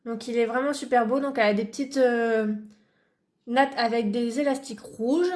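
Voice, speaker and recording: A chatty woman from France talks through a relaxed show-and-tell vlog. Her voice sits a little high, and she fills her sentences with hesitations and small restarts. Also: normal speed. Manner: chatty, many fillers and restarts. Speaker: hobby vlogger.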